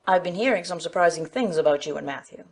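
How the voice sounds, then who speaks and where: A woman's voice: lowish voice, fast talker, slightly rough. A woman playing a blunt, gossipy, disapproving middle-aged busybody in a dramatized audiobook. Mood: nosy sympathy. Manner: outspoken, emphatic.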